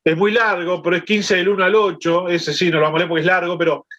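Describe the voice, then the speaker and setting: A man's voice: high-pitched, fairly even intonation, fast talker, a bit bright, lo-fi sound. A man leading a Bible lesson over a video call, explaining and often checking in with his listeners. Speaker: Bible study teacher.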